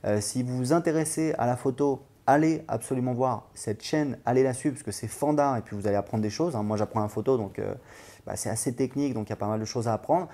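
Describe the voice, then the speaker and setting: Mellow-voiced man rambling in a vlog. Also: mid-range voice, quick pace. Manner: rambling, full of hesitations and fillers; enthusiastic, recommending. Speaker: language-learning channel host. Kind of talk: casual vlog talk.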